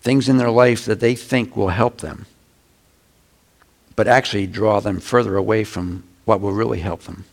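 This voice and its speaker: A middle-aged man, a pastor, preaching a conversational sermon with sudden loud shouts. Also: on the low side, steady tone, moderate pace, vocal fry.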